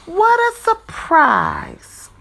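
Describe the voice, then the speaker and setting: A woman's voice: very high-pitched, huge pitch swings, very slow, gravelly, sharp tone, voice pushed up, exaggerated voice. A woman voicing an eager, easygoing young male cat from a children's storybook. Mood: delighted surprise.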